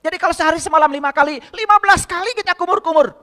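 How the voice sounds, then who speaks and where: In a hall with long reverb, a male spiritual teacher with a slight tinge races through a sermon, his very high voice sharp as he fires rhetorical questions at the congregation.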